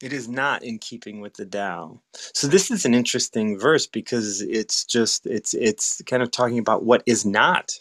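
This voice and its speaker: A man's voice: medium pitch, moderate pace, few pauses, a bit bright, dry recording. A man hosting a casual spiritual chat, talking in a rambling, reflective way with frequent restarts. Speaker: host.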